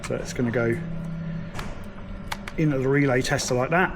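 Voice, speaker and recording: A man's voice: medium pitch, normal speed, music in the background. A man giving an informal, step-by-step hands-on tutorial as a mechanic in a workshop. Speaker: mechanic presenter. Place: vehicle workshop. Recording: noisy workshop background.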